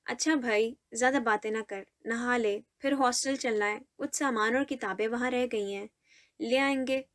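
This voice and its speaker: A woman's voice: a little high, fairly even intonation, fairly bright tone, natural voice. A woman voicing a playful young man, a student friend who teases his buddy. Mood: teasing. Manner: playful, teasing banter.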